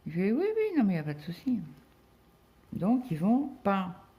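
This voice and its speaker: A middle-aged woman from France talks casually as she stitches, her voice dark and mellow. She rambles through a story with many fillers and quoted back-and-forth. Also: fairly low pitch, expressive, normal speed. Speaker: crafting vlogger. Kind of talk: casual chat while cross-stitching.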